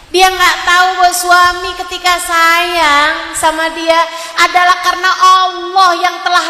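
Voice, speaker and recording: A woman preacher with a high, bright voice delivers an earnest sermon at an unhurried pace. She half-sings her refrains, and the sound rings with long reverb and room echo. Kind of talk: sermon to women.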